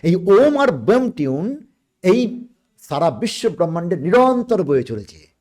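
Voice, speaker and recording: This man has a high voice that moves up and down a lot. He talks as a guest on a podcast about spiritual ideas, and he explains things in a measured, patient way, stopping now and then to find the right word. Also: big pitch swings, a little mellow. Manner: measured and explanatory, with searching pauses.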